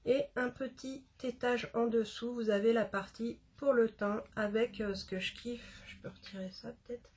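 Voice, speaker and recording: A woman's voice: fairly high pitch, steady tone, normal speed, hardly any pauses, a little mellow, slightly rough, lo-fi sound. A woman chatting casually about a makeup haul, with many fillers and restarts. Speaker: beauty vlogger.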